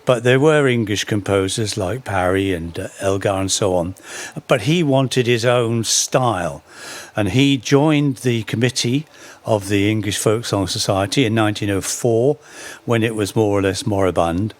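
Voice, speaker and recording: A man's voice: on the low side, moderate pace. A man giving a storytelling talk about folk song history, anecdotal and full of wry humorous asides.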